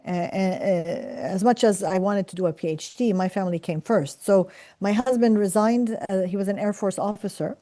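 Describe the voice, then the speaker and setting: A middle-aged woman talks to students about purpose in an earnest, reflective way. Her voice is mellow and warm, and she often pauses on fillers and restarts her sentences. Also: mid-range voice. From Palestine. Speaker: professor and scientist. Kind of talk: career talk to students.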